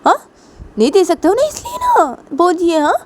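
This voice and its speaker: A woman voicing a tearful, angry middle-aged mother who scolds in a shrill, raised voice. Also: wildly swooping pitch, normal speed, darkish tone, full character voice. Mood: furious.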